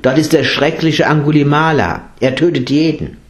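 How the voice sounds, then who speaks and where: A man's voice: a little high, steady tone, moderate pace, reverberant, pitched above the performer's own voice, close to an everyday voice. A man voicing anxious villagers who urgently warn a traveler. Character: worried village folk warning a traveler.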